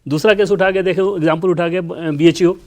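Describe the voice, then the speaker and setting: A man's voice: sits high, steady tone, a little fast. A man anchoring a studio discussion, conversationally retelling anecdotes. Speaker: news anchor.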